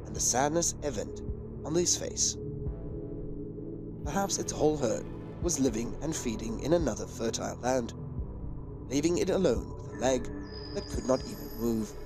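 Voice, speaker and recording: A man reading scripted narration for a wildlife documentary. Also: medium pitch.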